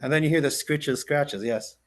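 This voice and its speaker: A Hebrew-speaking rabbi with a fairly high male voice runs a relaxed class, then eases into a slow, gentle guided meditation. His speech is halting, full of restarts, "like," and checking "right?"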